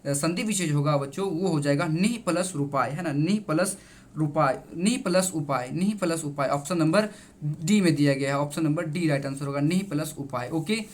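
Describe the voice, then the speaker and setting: A man, speaking in a fairly high voice, goes through exam answers one by one. He is emphatic and reassuring. He stops often to repeat the right answer to his students. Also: normal speed. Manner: repeats each answer, keeps addressing the students. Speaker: teacher. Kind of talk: exam answer-key explanation.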